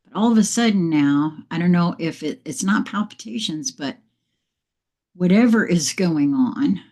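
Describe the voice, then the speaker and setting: A woman's voice: lowish voice, lively intonation, unhurried, a little mellow. A woman hosting a casual live morning chat, a little out of breath, telling reflective, meandering spiritual stories. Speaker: live stream host.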